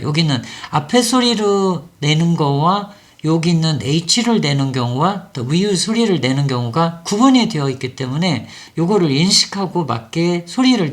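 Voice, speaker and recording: A phonics teacher explaining an English pronunciation lesson step by step in a patient, conversational way, with fillers. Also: medium pitch.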